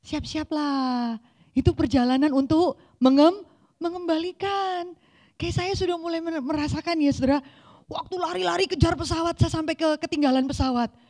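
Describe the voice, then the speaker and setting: A woman's voice: very high-pitched, a little fast. A woman, preaching a sermon in a church, telling stories and acting out the voices in them. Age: 40s. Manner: lively storytelling, acting out voices in dialogue. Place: church hall.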